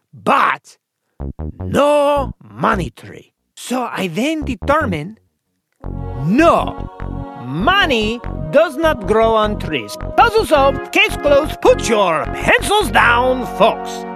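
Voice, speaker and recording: A woman's voice: a little high, wildly swooping pitch, very slow, music in the background, heavily acted. A woman voicing a curious, literal-minded alien boy who calls humans earthlings, with a whimsical, wide-swinging delivery.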